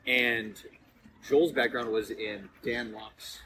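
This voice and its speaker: A man speaks as a guest on a casual podcast with clear noise around him. He tells anecdotes playfully and likes to tease. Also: medium pitch, steady tone, slow, bright, forceful tone. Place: seated in an ice bath at a retreat. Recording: clearly noisy ambient background.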